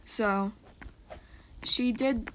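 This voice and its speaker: A woman's voice: a little high, fairly even intonation, very slow, slight background noise, poor audio. A teenage girl chatting casually about a musical's characters, rambling with lots of fillers and restarts. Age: teens. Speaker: co-host of a rating video. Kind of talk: casual chat.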